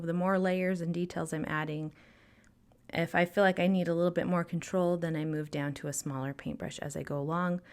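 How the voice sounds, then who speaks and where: A young woman art instructor voices over a painting tutorial, breathy and out of breath yet explaining calmly with frequent "um"s. Her pitch is fairly low.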